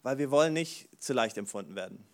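A man preaching a sermon, animated, moving between soft asides and loud bursts, often exclaiming "wow". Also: mid-range voice, fast. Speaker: pastor.

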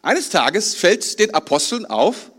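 A man with a high voice preaches a sermon to his congregation. He keeps it conversational and often checks in with his listeners. He speaks as their pastor, standing in church. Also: sing-song, slow, a bit bright, breathy edge. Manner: conversational, asks the congregation questions.

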